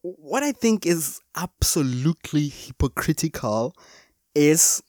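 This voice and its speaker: A man's voice: medium pitch, a little mellow, no room sound, studio quality. A man co-hosting a casual film review chat, speaking emphatically and opinionated with casual slang. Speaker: podcast co-host.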